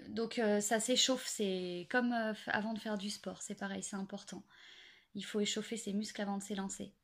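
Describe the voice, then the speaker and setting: A young woman explaining singing basics in a casual, hesitant way, full of pauses and fillers. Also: mid-range voice. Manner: hesitant, many fillers and restarts. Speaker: singing teacher. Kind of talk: casual spoken singing tips.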